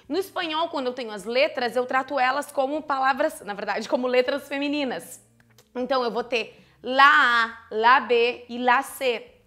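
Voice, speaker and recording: A young woman teaches a lively online Spanish lesson, playful and chatty, posing questions to herself and answering them. Her voice sits high and moves at a normal speed, with faint music in the background.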